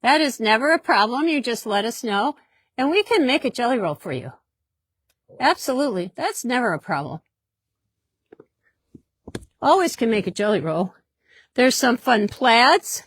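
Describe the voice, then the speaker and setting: A woman's voice: on the high side, sing-song, moderate pace, pauses often, fairly bright tone, slightly rough, dry recording. A woman hosting a casual product demonstration in a fabric shop, chatty and upbeat, often repeating herself.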